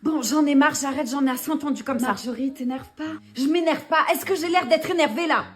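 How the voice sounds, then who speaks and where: A jealous young woman , played by a woman, snaps in a shrill, indignant voice pitched a little high. Her temper flares hot and she explodes at everyone around her. Faint music plays behind. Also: steady tone, brisk, a bit bright. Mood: furious. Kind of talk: storytime role-play voice.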